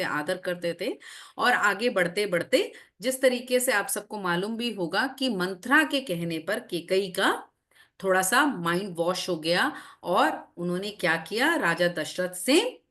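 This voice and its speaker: A woman's voice: medium pitch, sharp tone. A woman teaching children in an online class, telling a story and checking in with them often. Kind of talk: storytelling lesson to children on a video call. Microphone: video call.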